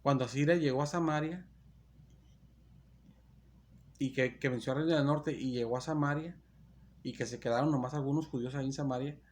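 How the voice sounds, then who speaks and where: A man's voice: mid-range voice, steady tone, quick pace, darkish tone. A man preaching a sermon in a church, reading Bible verses aloud and explaining them, often restarting and correcting himself. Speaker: pastor.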